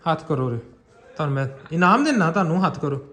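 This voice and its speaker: A man's voice: big pitch swings, fast. A young man with a Punjabi accent, teasing his mother in a family prank vlog. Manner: teasing, swings between loud and low. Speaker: vlogger son. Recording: echoey room.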